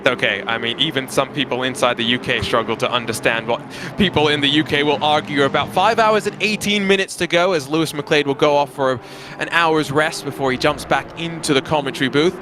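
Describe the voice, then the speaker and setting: A man's voice: on the high side, brisk, background noise. A man giving live commentary on a racing event as part of a broadcast team. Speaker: motorsport commentator.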